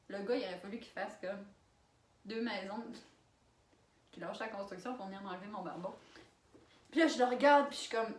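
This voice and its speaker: A young Québécoise vlogger, alone in a room, tells a storytime anecdote in an animated way, laughing and letting out loud exclamations. Her female voice sits a little high. The camera mic is distant, so the sound is roomy.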